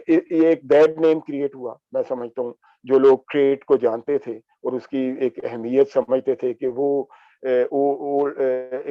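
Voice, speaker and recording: A man giving a reflective talk full of anecdotes, pausing often with filler sounds and slipping in English terms. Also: medium pitch, no room sound. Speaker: speaker on books and reading. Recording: dull lo-fi sound.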